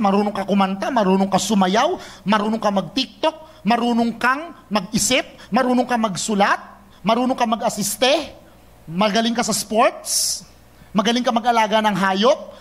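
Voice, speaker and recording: A young man preaching a sermon, lively and teasing, switching between Tagalog and English. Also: very high voice. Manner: animated, mixes Tagalog and English, teasing the congregation.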